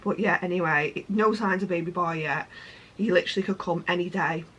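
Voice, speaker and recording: A woman's voice: on the low side, brisk, fairly bright tone, slightly rough. A young British woman, heavily pregnant and out of breath, chatting casually and self-deprecatingly to her vlog viewers. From United Kingdom. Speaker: vlogger. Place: indoors at home, sitting on the floor.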